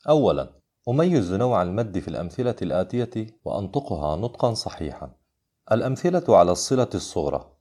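Male recitation teacher, deep voice, measured scripted delivery with slow chanted examples. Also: dark tone.

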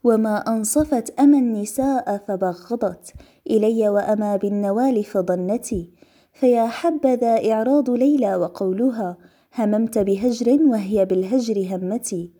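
A woman reading classical poetry aloud in a measured recitation, pausing for short explanatory glosses. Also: mid-range voice, warm tone. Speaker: reader.

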